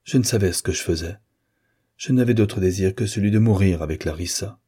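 A man reading a classic novel aloud as an audiobook, in a measured and expressive way. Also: deep voice, breathy edge. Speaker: audiobook reader. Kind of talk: scripted narration of a classic novel.

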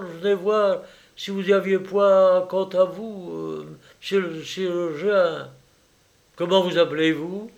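A man's voice: sits high, creaky, a little mellow, pitched above the performer's own voice, heavily acted. A man playing a timid, grieving old peasant woman. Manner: rustic, pleading.

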